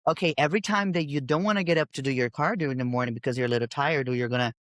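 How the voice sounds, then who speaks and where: A woman's voice: extremely low pitch, very fast, no room sound. A woman hosting a casual podcast conversation, talking emphatically and restarting her sentences as she goes. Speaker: podcast host and bodybuilding coach.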